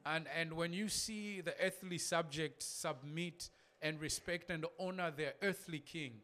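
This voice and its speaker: Smooth-voiced Zambian missionary man. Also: fairly high pitch, a little slow, bright, forceful tone. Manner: casual, laughing asides, repeats words. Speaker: missionary guest speaker. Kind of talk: church talk with slide pictures.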